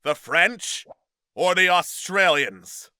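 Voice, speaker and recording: A man's voice: high-pitched, expressive, slow pace, pushed and bright, smooth, no echo, clean studio sound. A man doing a sponsored game commentary as a YouTuber, playful and self-mocking.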